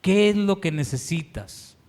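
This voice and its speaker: A male pastor with a Mexican Spanish accent preaches slowly and earnestly, his pleading voice sitting a little high. It rings out with the long reverb of a church hall. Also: expressive, darkish tone. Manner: earnest, pleading, slow deliberate delivery. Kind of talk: sermon. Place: church sanctuary.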